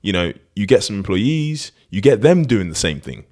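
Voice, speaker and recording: An eager, persuasive rich businessman, as a man puts him on. He pitches his plan with enthusiasm, in a voice a little higher than the speaker's own deep one. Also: very animated, normal speed, a little mellow.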